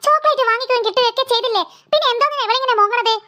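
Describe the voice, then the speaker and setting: A woman's voice: very high-pitched, racing, very noisy. A woman voicing a fed-up mother who scolds her squabbling daughters in a cartoon. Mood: scolding. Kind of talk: cartoon voice acting.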